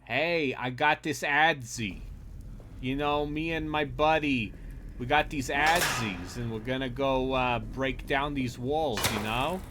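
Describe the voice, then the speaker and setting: A man's voice: medium pitch, slow, background noise, lightly acted. A man putting on a brash, swaggering Boston guy with a put-on Boston accent, playing up the bluster. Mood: boastful. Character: brash young Boston guy, loud, chowder-proud.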